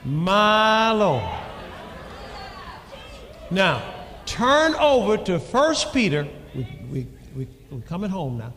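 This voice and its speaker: A man preaching a sermon, calling out to the congregation and shouting lines for emphasis. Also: high-pitched, sing-song, slow, long pauses, a faint crowd, a little hiss or hum. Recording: long hall reverb, faint ambience.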